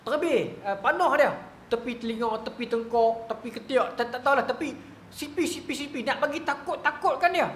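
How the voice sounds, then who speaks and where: A man giving a storytelling religious lecture, colloquial and animated, often checking in with his listeners. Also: very high-pitched, brisk, roomy sound, slight background noise.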